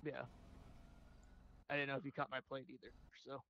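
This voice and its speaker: A man's voice: medium pitch, completely flat delivery, normal speed, gravelly. Man on dull lo-fi voice chat, dispatcher roleplay. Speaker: player acting as police dispatcher. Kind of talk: casual chat mixed with radio dispatch roleplay. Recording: dull lo-fi voice chat, faint noise.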